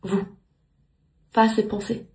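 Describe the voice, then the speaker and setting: Slow and a little mellow, this woman's voice belongs to a vlogger in her thirties, a native Spanish speaker talking casually to camera from home. She comes across as earnest, repeating words while she looks for the right way to put things.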